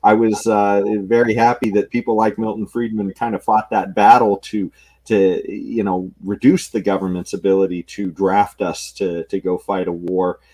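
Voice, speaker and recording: A man's voice: on the low side, little pitch movement, moderate pace, darkish tone. A man hosting a casual political podcast, talking in an easygoing way with hesitant fillers. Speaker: podcast host.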